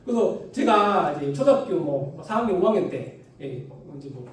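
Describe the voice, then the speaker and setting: A man from North Gyeongsang giving a sermon with humorous anecdotes, animated and constantly asking the congregation for agreement. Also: high-pitched, moderate pace. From Yeongju, North Gyeongsang, Korea. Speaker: lay preacher. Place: church hall. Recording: echoey church hall, distant mic.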